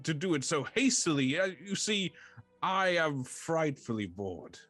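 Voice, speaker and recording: A man's voice: a little high, big pitch swings, measured pace, a bit bright, soft background music, pitched above the performer's own voice, full character voice. A man voicing a lonely, shy talking fort. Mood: wistful. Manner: politely formal and old-fashioned.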